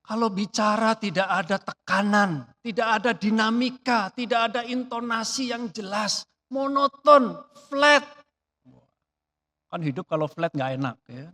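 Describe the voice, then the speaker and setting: A man preaching a sermon in a church, chatty and lively, with rhetorical questions and sudden swings between loud emphatic bursts and quiet asides. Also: high voice, unhurried. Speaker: pastor.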